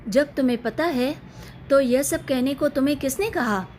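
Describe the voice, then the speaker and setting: A patient but firm young married woman in a family story, read by a woman narrator. She speaks in a measured way with a fairly high voice, turning sharp when pressed. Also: slight background noise, close to an everyday voice. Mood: irritated.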